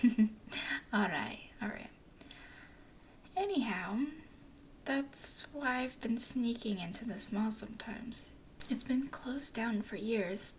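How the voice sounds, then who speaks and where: In an ASMR roleplay, a woman plays a flirty, teasing female werewolf explorer, whispering softly with a playful drawl. Her voice is a little high and gravelly, with a little hiss or hum in the audio.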